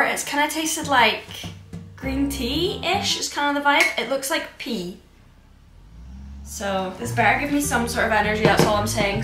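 A woman's voice: a little high, roomy sound. A young woman in her twenties chatting casually on a vlog, joking at her own expense. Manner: chatty, self-deprecating, joking. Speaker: fitness vlogger. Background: background music.

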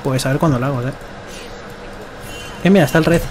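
A man's voice: mid-range voice, fairly quick. A young man from Spain with a Castilian accent, a foul-mouthed streamer casually commentating his game with friends. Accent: Spanish from Spain. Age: young adult. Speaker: gaming streamer. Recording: loud game music behind voice.

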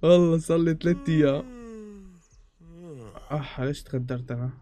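Guy gaming host, rapid pleading chatter, swears oaths, laughs loads, headset voice. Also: a little high, warm tone. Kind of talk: casual gameplay chat.

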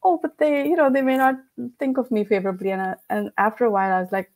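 Her voice is fairly high yet darkish, steady in tone and fast. An Indian-accented company founder, she's interviewed casually on a remote podcast, talking into a headset mic on a video call from a room at home, chatty and quick to laugh, with plenty of "like" and "you know."

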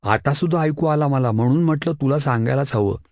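Brief: man reading an earnest boy friend, plain and hushed-urgent. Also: medium pitch, brisk, no echo, studio quality, lightly acted. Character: earnest schoolboy friend sharing news.

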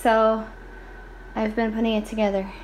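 A woman's voice: on the high side, little pitch movement, moderate pace, noisy background. A young woman, a mother hosting a casual home vlog, chatting and asking her toddler questions.

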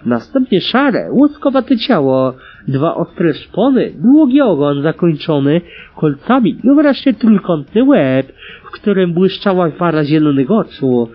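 A man narrates a storybook audiobook with a lively, dramatic delivery. His voice is husky and sits on the high side, swinging widely in pitch. The recording sounds dull and lo-fi. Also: a little slow. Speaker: audiobook reader.

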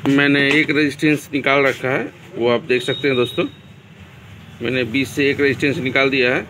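A man with a Bihari Hindi accent calmly explaining a TV repair step by step in a small workshop, filmed on a phone. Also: medium pitch, fairly quick, background noise. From India. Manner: plain, step-by-step explaining, addresses viewers as friends. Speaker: TV repair technician. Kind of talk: repair tutorial narration.

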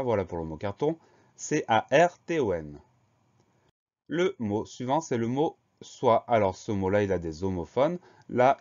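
A man's voice: fairly low pitch, darkish tone, muffled recording. A man teaching a spelling lesson, patiently spelling out each word letter by letter.

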